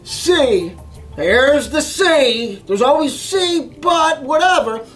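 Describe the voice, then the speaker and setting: A man's voice: extremely high pitch, expressive, slow pace, fairly bright tone, soft background music, heavily acted. A man voicing his wife in a story, quoting her firm, insistent replies. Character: impatient wife, adult woman, insistent.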